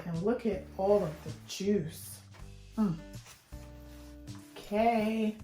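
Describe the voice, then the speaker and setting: A woman's voice: medium pitch, a little mellow, roomy sound. A woman hosting a home cooking vlog, chatting to viewers and explaining each step as she works. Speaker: cooking channel host.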